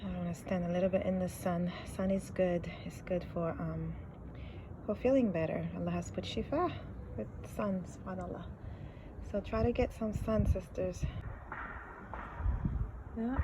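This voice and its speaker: A woman's voice: on the low side, measured pace, long pauses, noisy background. A woman teaching Quran classes and chatting through a casual vlog, a little congested, laughing easily and sometimes dropping to a near whisper.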